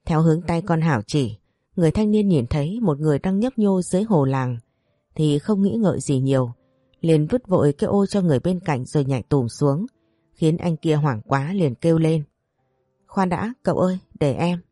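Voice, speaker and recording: A woman narrating a story in a steady, expressive storytelling voice. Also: low-pitched, normal speed, dry recording.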